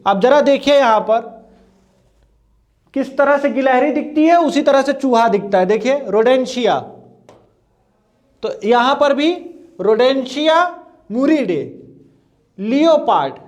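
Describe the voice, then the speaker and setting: A man's voice: very high-pitched, animated, a little slow, long pauses, a little mellow. A male teacher, running a live online exam-prep class and drilling terms, checking again and again that students follow.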